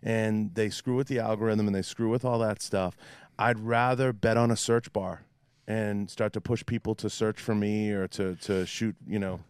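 Boston-accented man with clear, lowish voice. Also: fairly even intonation, moderate pace, a little mellow, no echo. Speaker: podcast interviewer. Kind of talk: casual interview chat with swearing.

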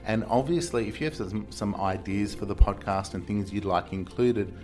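A man co-hosts a local podcast, relaxed as he asks questions and adds brief comments. His voice is very deep. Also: moderate pace, faint music behind. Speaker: podcast co-host. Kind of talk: casual chat.

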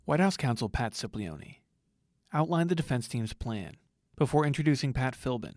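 A man reads scripted news narration in a mid-pitched voice. The recording is dry and close, suited to a podcast. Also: lively intonation, moderate pace, a little mellow, no room sound.

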